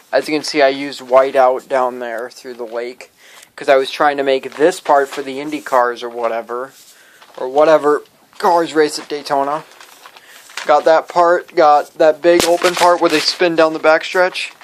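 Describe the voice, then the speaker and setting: A man's voice: fairly high pitch, a little hiss or hum. A man casually showing his hobby collection to viewers, rambling and stumbling over his words as he goes. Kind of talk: casual show-and-tell vlog.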